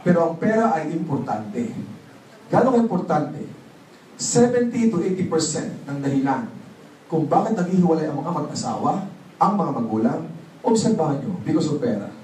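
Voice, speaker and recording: A man's voice: fairly high pitch, moderate pace. A man giving a motivational business seminar talk, prompting the audience to answer and mixing in English phrases. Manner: animated, prompts audience call-and-response. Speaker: seminar speaker. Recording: echoey hall, voice from far off, faint noise.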